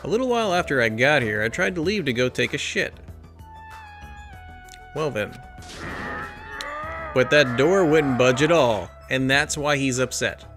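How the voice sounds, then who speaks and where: A man's voice: mid-range voice, lively intonation, measured pace, pauses often, fairly bright tone, faint music behind. A man playing a game and reading its dialogue aloud in shifting tones, with wry casual asides between lines. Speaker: let's play streamer.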